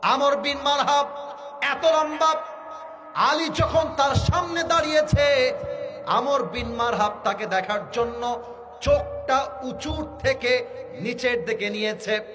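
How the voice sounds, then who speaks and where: A man preaching a sermon to a crowd, calling out questions for the audience to answer and shouting at the high points. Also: slow, long pauses, soft background music. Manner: calls out to the crowd and asks for answers; shouts at peaks, acts out quoted fighters.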